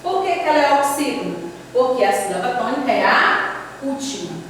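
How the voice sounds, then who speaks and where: A woman's voice: high voice, big pitch swings, normal speed, a bit bright. A woman teacher explains a lesson step by step and keeps saying "ó" as she points to the board. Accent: Brazilian Portuguese. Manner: explains step by step, often says "ó" while pointing. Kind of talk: recorded classroom lesson. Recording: echoey room, distant mic, faint noise.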